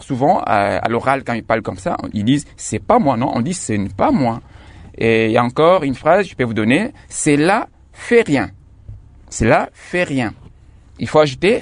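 Male radio teacher, lively and emphatic, dry close mic. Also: a little high, no room sound. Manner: slow, emphatic dictation of example sentences. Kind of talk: radio school lesson on French grammar.

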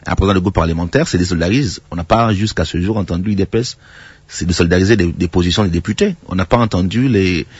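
A man gives political analysis as a radio guest, measured and hesitant, often repeating words. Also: low-pitched, breathy edge, dry recording. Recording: dull, muffled, dry sound.

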